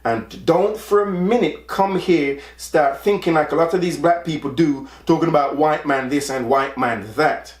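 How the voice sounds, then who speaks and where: A man's voice: on the high side, normal speed, few pauses, echoey room. A man in his forties from Jamaica, talking earnestly about his own life and often repeating words as he presses a point. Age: 40s. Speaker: podcast host. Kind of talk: personal monologue.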